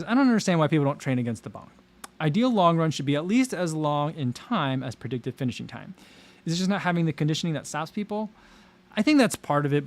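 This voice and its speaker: A man hosting a casual livestream, reading viewer comments aloud and rambling with fillers and frequent laughs. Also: a little high. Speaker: running channel host. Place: home livestream.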